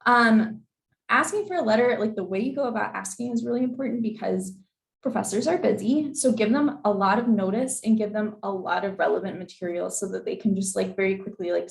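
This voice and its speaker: In an echoey room, a young woman with a mid-range, creaky voice that she's losing gives a casual advice talk with slides, rambling chattily with many fillers.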